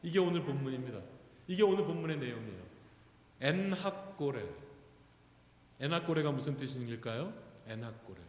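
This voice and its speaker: A man preaching a sermon as pastor, often asking the congregation questions and building to loud, fervent calls. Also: mid-range voice, animated, normal speed, pauses often. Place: church sanctuary. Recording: echoey church hall.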